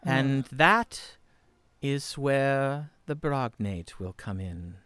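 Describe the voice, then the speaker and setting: A man voicing a formal council leader who speaks in measured, ceremonial phrases. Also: mid-range voice, lively intonation, fairly bright tone, smooth, no echo. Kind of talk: tabletop role-play voice.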